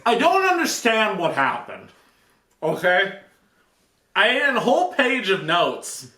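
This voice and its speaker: A man's voice: high-pitched, wildly swooping pitch, slow pace, pushed and bright. A man giving a rambling, comedic film review to camera, sounding drunk and repeating himself. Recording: echoey room.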